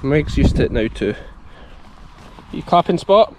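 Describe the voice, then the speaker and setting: A man's voice: fairly high pitch, lively intonation, a little slow. A man in his thirties with a broad Scottish accent, a sheep farmer chatting casually as he vlogs and talks to his dog. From Scotland. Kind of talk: casual outdoor vlog chat, talking to child and sheepdog. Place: outdoors in an open farm field. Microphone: action camera held at arm's length. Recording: outdoor field noise.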